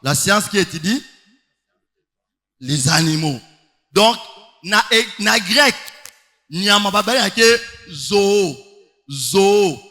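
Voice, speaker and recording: A man's voice: high-pitched, expressive, slow pace, pauses often, bright, forceful tone. A man preaching a sermon, emphatic, with rhetorical questions and sing-song stretches. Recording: long hall reverb.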